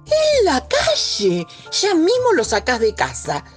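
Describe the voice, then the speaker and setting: A woman's voice: medium pitch, sing-song, normal speed, faint music behind, close to an everyday voice. A woman playing an exasperated, scolding mother with a Rioplatense accent. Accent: Rioplatense Spanish. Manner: stern, exasperated.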